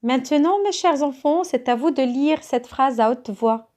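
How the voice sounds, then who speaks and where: A woman's voice: sits high, animated, measured pace, darkish tone. A woman teaching a phonics reading lesson to young children, spelling letters and syllables out carefully, with a Moroccan French accent. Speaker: kindergarten teacher.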